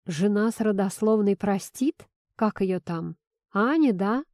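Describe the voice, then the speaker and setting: A woman's voice: mid-range voice, lively intonation, unhurried, darkish tone, no room sound, studio quality. A woman reading the part of a defiant, hot-tempered young woman who answers sharply and with indignation.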